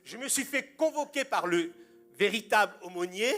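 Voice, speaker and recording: A man's voice: high voice, lively intonation, normal speed, bright, forceful tone. A man in his sixties, a pastor preaching a sermon in a church and telling humorous anecdotes with punchlines.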